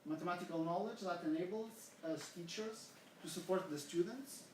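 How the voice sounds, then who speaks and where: A middle-aged Portuguese man, an education researcher, gives an earnest academic seminar talk in English with a Portuguese accent, putting questions to his audience. His voice is high-pitched and moderately paced. The recording is distant and echoey, with a faint hiss.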